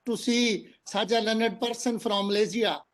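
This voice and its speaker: A man's voice: high-pitched, steady tone, unhurried, a crowd in the background. Pakistani-accented man, 60s, courteous retired officer, video call. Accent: Pakistani English. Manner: formal and courteous. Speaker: retired prison officer guest. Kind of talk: polite conversation.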